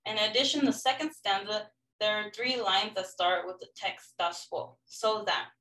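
Young woman walking thru her sheet music for a class recital talk, explaining each bit, average pitch. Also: bright, forceful tone, poor audio. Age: young adult. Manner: explanatory, walking through a score. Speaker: music student presenting a lecture recital. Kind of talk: academic presentation.

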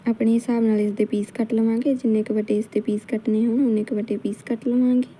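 Punjabi accent lady walking thru a recipe, real mellow dark voice, kinda flat, bit of hiss. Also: a little high, quick pace, low-quality recording. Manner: calm step-by-step instruction. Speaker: cooking channel host. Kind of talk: cooking tutorial narration.

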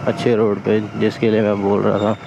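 With a fairly low, monotone, creaky voice, this man from India talks fairly quickly in short, informal remarks to his motovlog viewers as he works on the bike. The audio, captured on an action camera setup with a helmet, is dull, with street and vehicle noise outdoors.

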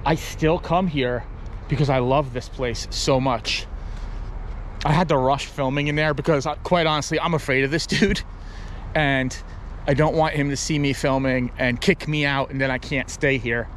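Talking casually to his arm's-length camera, this truck driver in his forties wanders from a truck stop outdoors into his cab, easygoing and heavy on fillers. His medium-pitched voice is a little bright, fairly even in intonation, moderately paced, with slight background noise.

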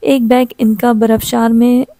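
Woman reading a novel in an even voice. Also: fairly high pitch, a little slow, no room sound. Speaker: audiobook narrator. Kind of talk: scripted novel narration.

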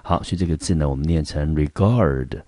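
Very deep-voiced male teacher explaining vocabulary. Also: a little fast, dark tone, dry recording, clean studio sound. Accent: Taiwanese Mandarin. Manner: patient, explanatory, sprinkles fillers like 呢 and 来. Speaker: English teacher. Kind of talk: vocabulary lesson explaining words and example sentences.

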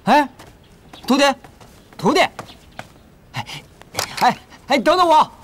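An actor playing a bumbling self-styled kung fu master who blusters and stammers in a comic martial arts film. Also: male voice, very high-pitched, very animated, slight background noise, exaggerated voice. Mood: flustered. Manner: flustered, stammering, fast bluster.

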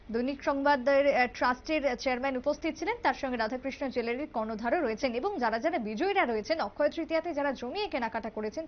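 A young woman presenting live television news, pausing now and then as she goes. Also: high-pitched. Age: young adult. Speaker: news anchor. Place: TV news studio. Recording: slightly dull, lo-fi broadcast audio.

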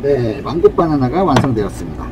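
A man's voice: medium pitch, very animated, brisk, noisy background. A man demonstrating a cafe drink recipe at a counter, explaining each step in a friendly, polite way. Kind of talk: casual cooking demonstration.

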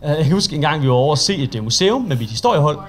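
Voicing the characters in his chatty, self-mocking stories, a young stand-up comedian with a Danish accent works an open-mic crowd. His slightly high voice has big pitch swings.

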